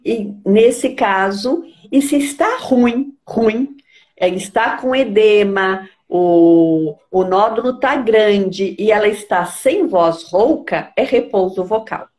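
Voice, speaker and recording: A woman's voice: mid-range voice, takes it slowly, darkish tone. A woman from Brazil, a speech therapist, explaining health topics patiently and often checking that listeners follow. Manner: patient, didactic, checks understanding with "tá?". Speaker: speech therapist answering questions.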